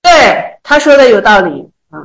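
A woman teaches Zen koans to a small group, reading the classical lines slowly and measuredly before retelling them in a chatty, colloquial way, laughing and joking with listeners. Her voice is a little high and sing-song, and the recording quality is low.

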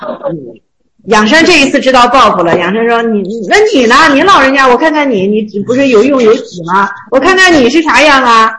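A woman teaching Zen koans to a small group. She reads the classical lines slowly, then retells them in a chatty, joking way. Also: high-pitched, animated, crowd noise, low-quality recording. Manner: slow, measured reading of classical text, then chatty colloquial retelling; laughs and jokes with listeners.

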